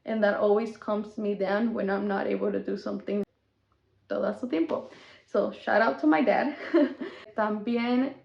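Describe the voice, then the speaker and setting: A woman's voice: mid-range voice, steady tone, moderate pace, gravelly, darkish tone. Chatty young woman, echoey room. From Mexico. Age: 20s. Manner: chatty, code-switching, with small laughs. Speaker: podcast host. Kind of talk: casual chat mixing English and Spanish. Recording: echoey room, dull lo-fi sound.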